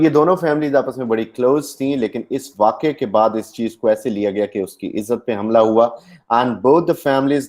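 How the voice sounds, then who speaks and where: A man's voice: mid-range voice, darkish tone. A man with a Pakistani accent teaching English literature in a classroom, explaining at length and slipping English terms and phrases into his talk. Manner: explanatory, mixes English terms into Urdu, many fillers. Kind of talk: classroom lecture.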